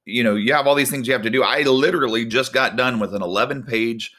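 Animated man in his forties. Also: mid-range voice, quick pace. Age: 40s. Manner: animated, conversational, many fillers, acts out exasperated voices. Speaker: volleyball coach and devotional podcast host. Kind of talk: casual devotional talk with prayer.

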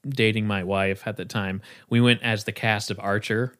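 Animated storytelling man. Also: on the low side, moderate pace. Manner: animated storyteller, acts out quotes. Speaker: podcast co-host. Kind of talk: casual chat.

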